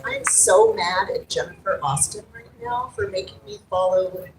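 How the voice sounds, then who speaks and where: A woman's voice: mid-range voice, normal speed. A middle-aged woman from Arkansas giving a protest speech, casual and self-deprecating at first, then earnest. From Arkansas, USA. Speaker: rally speaker, activist. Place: outdoor rally. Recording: echoey outdoor PA, far from mic, crowd noise.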